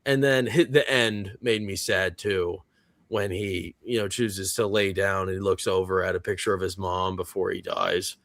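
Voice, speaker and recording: A man's voice: low voice, steady tone, normal speed, fairly bright tone, no room sound. Rambling male stream host, dry sound. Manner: rambling, reads viewer comments aloud, many fillers. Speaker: host of a movie reaction panel. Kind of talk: casual live-stream chat.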